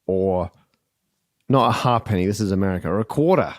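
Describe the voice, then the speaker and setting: A man's voice: low voice, animated, a little fast, dry recording, studio quality. A man hosting a podcast panel game, explaining answers wryly. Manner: wry, explanatory. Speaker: quiz host.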